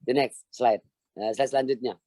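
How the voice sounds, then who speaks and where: A man's voice: medium pitch, fairly even intonation, moderate pace, dark tone, dry recording. A middle-aged man gives an earnest, motivational online lecture. He is the founder of a language village and repeats key phrases for emphasis. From Central Java, Indonesia.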